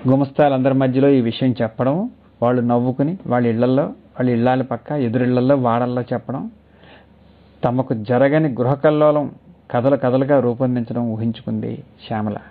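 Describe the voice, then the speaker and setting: A man narrating a written story in a measured, literary reading style. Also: mid-range voice, steady tone. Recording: tinny phone-like audio.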